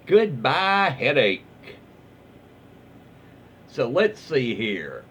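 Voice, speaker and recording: This host reads stories in a folksy, laid-back way, speaking with a Southern US accent. His medium-pitched voice is husky and a bit bright, swooping wildly in pitch as he goes very slowly. The sound is muffled and lo-fi, with faint noise underneath.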